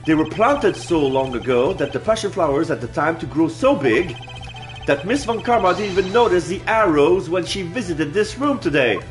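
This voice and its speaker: A man's voice: on the high side, animated, moderate pace, faint music behind. A man playing a video game, reading its dialogue aloud and commenting as he goes.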